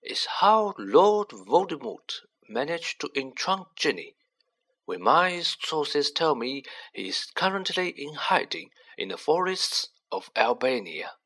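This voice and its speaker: A man voicing a gentle, wise, very old wizard headmaster who speaks softly and in a measured way. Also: fairly high pitch, very animated, pitched above the performer's own voice, exaggerated voice.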